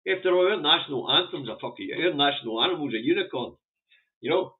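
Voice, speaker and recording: Fast-talking and animated, a man with a fairly high pitch gives his casual, opinionated views on the day's newspaper front pages. He is a vlogger whose first language is Scots, and he speaks in a broad Scottish accent, bluntly, swearily and with plenty of rambling. His audio is muffled and narrow-band, much like a phone call.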